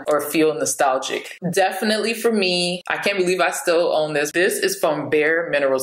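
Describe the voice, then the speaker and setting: A woman in her late thirties with a low voice talks openly and casually to her camera, chatty and frank, laughing easily. The sound bounces around a small room at home. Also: a bit bright, echoey room, poor audio. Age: 30s. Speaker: beauty vlogger.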